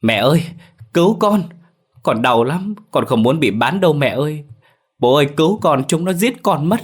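Male narrator plays young man, beaten, shrieking pleas, pitched way up. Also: animated, normal speed, husky. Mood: desperate. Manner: screaming, pleading. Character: panicked young man being beaten, begging.

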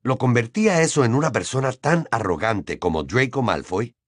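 Man narrating a storybook, lively voice. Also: mid-range voice, moderate pace, no echo, clean studio sound. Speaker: audiobook narrator. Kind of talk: scripted narration.

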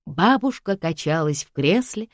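A woman narrates an audiobook at a steady, measured pace. Her voice is low. The recording is dry and close. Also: no echo. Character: young woman heroine, lively, curious. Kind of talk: scripted narration.

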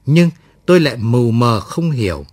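A man's voice: medium pitch, big pitch swings, moderate pace, darkish tone, dry recording, clean studio sound. A man narrating a first-person war story aloud in a reflective storytelling manner. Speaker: audiobook narrator.

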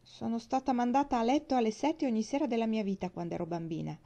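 A woman's voice: on the high side, fast talker, gravelly, warm tone, highs cut off, pitched above the performer's own voice. A woman voicing a strict, disapproving elderly aunt who speaks sharply. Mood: stern.

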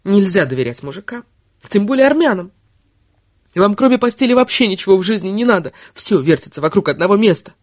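A woman's voice: medium pitch, big pitch swings, fairly quick, dry recording, studio quality, voice pushed up. A woman voicing a furious, sarcastic young woman who hurls insults in an audiobook. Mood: bitter. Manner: shouting insults, biting sarcasm.

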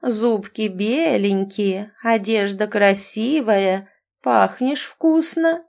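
A woman voicing a greedy old female cave-dweller who speaks slowly and gloatingly in an audiobook. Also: medium pitch, creaky, a little mellow.

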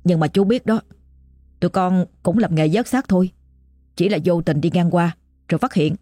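A woman's voice: lowish voice, normal speed, warm tone, no room sound, studio quality, faint music behind, natural voice. Woman doing a polite young corpse retriever. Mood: wheedling. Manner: deferential, wheedling.

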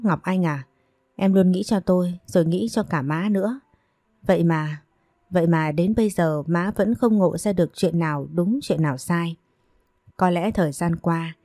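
A woman's voice: fairly low pitch, moderate pace, mellow, no room sound, clean studio sound, lightly acted. A woman voicing a devoted young man who speaks tenderly and protectively.

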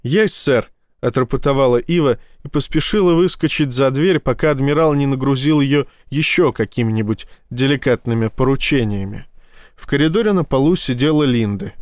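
Measured male audiobook reader; clear, dry studio-close voice. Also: mid-range voice, no room sound. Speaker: audiobook narrator. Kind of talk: scripted narration.

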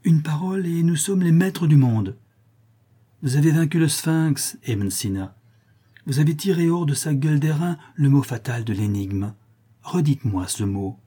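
A man's voice: medium pitch, normal speed, warm tone, slightly rough, natural voice. A man voicing a fervent, greedy young male disciple of an alchemist, in an imploring, feverish manner. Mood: eager. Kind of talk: audiobook character reading.

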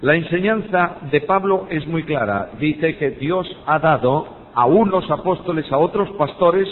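A man's voice: expressive, a little slow. An older man with a Spanish accent from Spain teaches about preaching, speaking emphatically and putting rhetorical questions to his listeners. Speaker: Bible teacher. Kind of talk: teaching on preaching, with personal anecdotes. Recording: tinny phone-like audio with long hall reverb and faint rumble.

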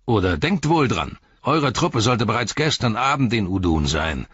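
A man's voice: extremely low pitch, expressive, normal speed, creaky, a bit bright, slightly rough, no room sound, highs cut off, full character voice. A man voicing a brutal male orc slave driver who barks orders and sneers, in an audiobook. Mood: barking threats. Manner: barking, sneering. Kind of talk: audiobook character voice.

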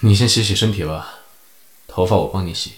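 Man playing a deep, gentle system companion. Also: fast, lightly acted. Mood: gentle concern. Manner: gentle, soothing. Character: gentle, patient, caring male system companion. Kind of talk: audio drama acting.

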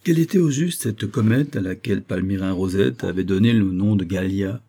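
A man narrating an audiobook in a measured, expressive reading. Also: low-pitched.

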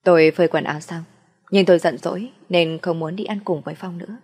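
Low husky woman telling a story. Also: steady tone, fast talker, darkish tone. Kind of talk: first-person story narration.

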